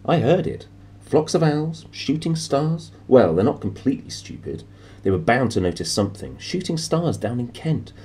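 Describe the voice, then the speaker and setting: A man's voice: mid-range voice, sing-song, moderate pace, a little mellow, breathy edge, pitched above the performer's own voice. A man voicing a severe, impatient older woman professor in a children's storybook, prim and clipped. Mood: irritated, impatient.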